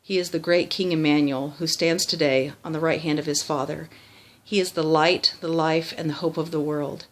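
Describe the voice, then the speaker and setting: A medium-pitched voice recites a religious text by rote. The delivery is that of formal memorized recitation. Now and then a word slips and gets corrected. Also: fairly even intonation, normal speed, hardly any pauses. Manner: formal recitation with small stumbles and self-corrections.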